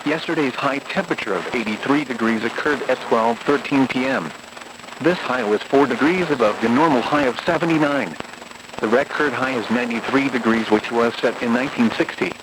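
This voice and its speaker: Over a noisy radio broadcast, a synthetic-sounding man reads a scripted automated weather bulletin, flat and methodical. His voice sits in the mid range, and he moves at a fairly quick pace.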